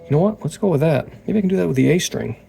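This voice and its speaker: A man's voice: on the high side, animated, very fast, creaky. A man working as a guitar repair technician, talking casually through the job and muttering to himself between tasks. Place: repair workshop.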